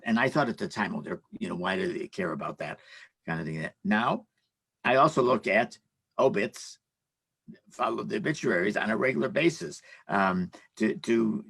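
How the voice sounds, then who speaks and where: A man's voice: lowish voice, creaky, fairly bright tone, slightly rough, no echo. An older man on a panel, speaking casually and hesitantly, with many fillers and restarts.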